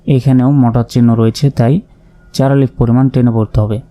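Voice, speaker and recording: A man's voice: mid-range voice, little pitch movement, fast talker, dark tone. A man teaching Quran recitation, spelling out Arabic words letter by letter and explaining pronunciation rules patiently and methodically.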